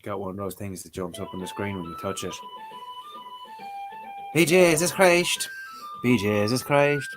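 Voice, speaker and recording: A man with a fairly low voice streams himself doing a language lesson, chatting casually, joking and making mock exclamations. He speaks at a measured pace with frequent pauses while music plays in the background.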